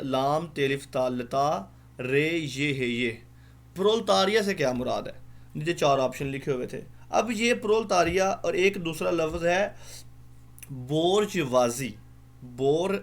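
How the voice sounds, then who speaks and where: Hesitant man teaching an online class. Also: fairly high pitch. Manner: explains slowly, spelling out words letter by letter; hesitant, many fillers. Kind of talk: exam-prep lecture.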